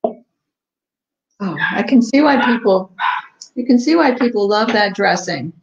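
Speaking slowly in a mid-range voice, a cooking show host chats through a laid-back livestream from her home kitchen. She says um a lot and tastes the food as she goes, and the audio is dull and echoey.

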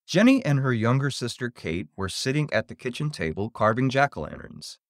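A man reads a spooky story aloud with a theatrical flair. His pitch sits in a middle range but roams widely as he builds suspense. The sound is dry and close, with no room around it. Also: brisk, dry recording. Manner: expressive, theatrical. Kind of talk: dramatic story reading.

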